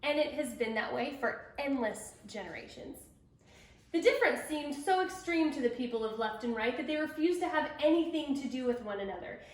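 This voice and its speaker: A woman with a high voice and lively intonation reads a children's picture book a little fast. She tells it expressively and with emphasis, turning now and then to address the young listeners, in a room with noticeable echo.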